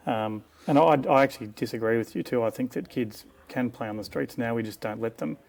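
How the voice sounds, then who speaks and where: A man's voice: medium pitch, fairly quick, gravelly, darkish tone. A middle-aged man with an Australian accent, a guest osteopath who speaks frankly and thoughtfully in a conversational interview. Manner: frank, reflective, opinionated. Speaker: guest osteopath and clinic co-director.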